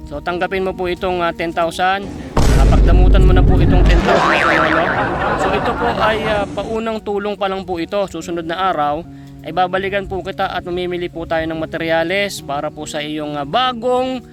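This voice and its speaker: A man from the Philippines vlogging outdoors on a mountain, talking haltingly with many fillers and coaxing an old man. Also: sits high, fairly even intonation. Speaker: charity vlogger. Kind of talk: casual vlog talk to camera and an old man. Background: guitar music.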